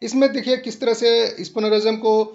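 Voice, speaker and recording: Man, teacher, explanatory lecture, high voice, muffled lo-fi sound. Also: flat delivery, normal speed, vocal fry, a little mellow. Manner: explains step by step, mixing in English terms.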